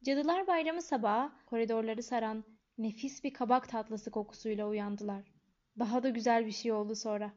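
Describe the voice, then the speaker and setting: A woman narrating a storybook in a calm, even reading voice. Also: a little high, normal speed. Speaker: audiobook narrator. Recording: dull lo-fi recording.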